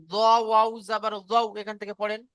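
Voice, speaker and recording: A woman with a Bengali accent teaching an online Quran reading class, patiently praising students and drilling letter sounds slowly. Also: medium pitch, completely flat delivery, clear, resonant tone, no echo.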